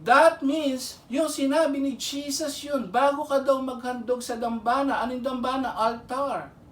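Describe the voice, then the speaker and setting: A man's voice: extremely high pitch, steady tone, a little slow. Earnest preaching man, roomy and distant. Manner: earnest, pleading, repeats "pakinggan nyo"; mixes English phrases into Filipino. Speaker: lay minister and preacher. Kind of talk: preaching a Bible lesson to camera.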